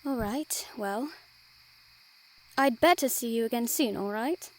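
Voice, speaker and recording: In a fantasy audio drama, a woman voices a friendly female merchant who gently teases, cares for, and encourages the listener in a playful, warm mood. Her natural voice is fairly high-pitched and a little slow, captured in a rough recording.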